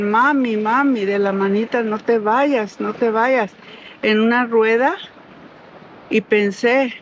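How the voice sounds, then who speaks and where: An older woman telling her own story of a dangerous childbirth, halting and emotional, with many restarts. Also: on the high side. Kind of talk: personal storytelling. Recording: dull lo-fi recording, faint noise.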